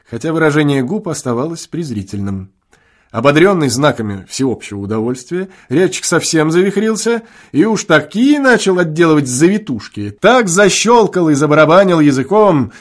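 A man reading classic prose aloud as an audiobook narrator, in an expressive, theatrical way. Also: fairly high pitch.

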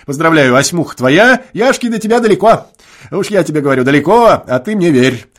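A man voicing a boisterous, overexcited drunken peasant who shouts and cackles. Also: fairly high pitch, expressive, a little fast. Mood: exultant.

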